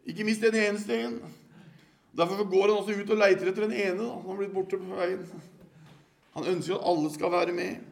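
A man's voice: high-pitched, fairly even intonation, creaky. An older man from Norway preaching a sermon in an earnest, storytelling manner.

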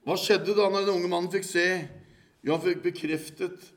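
Older Norwegian man preaching, gravelly voice. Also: high-pitched, fairly even intonation. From Norway. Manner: earnest, storytelling. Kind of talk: sermon.

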